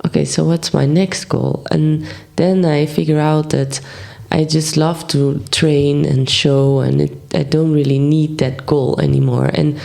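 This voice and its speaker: Relaxed gravelly woman in her thirties. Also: low-pitched, a little slow, few pauses. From Belgium. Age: 30s. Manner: relaxed, many fillers, laughs often. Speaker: horse trainer, guest. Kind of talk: casual interview.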